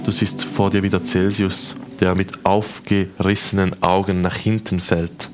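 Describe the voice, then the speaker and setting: A man from Switzerland narrating as game master of a tabletop game, slow and dramatic, voicing figures' quotes. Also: sits low, level tone, a little mellow. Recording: music playing behind.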